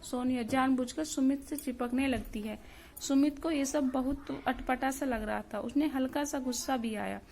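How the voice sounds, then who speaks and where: A woman narrating a scripted family story and reading every character herself in a steady storytelling delivery. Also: high-pitched, moderate pace, slight background noise.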